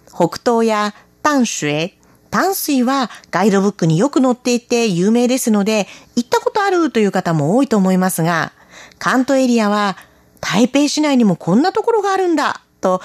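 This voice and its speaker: Woman, radio travel presenter, gentle explanatory read, lively pitch, dry close studio mic. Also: no echo. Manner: gentle, explanatory, friendly recommendations. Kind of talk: scripted travel narration.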